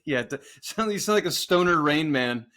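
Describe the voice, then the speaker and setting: A man in his forties co-hosting a podcast in casual banter, crude and joking and quick to laugh. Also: on the high side, lively intonation, bright, forceful tone. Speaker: podcast co-host.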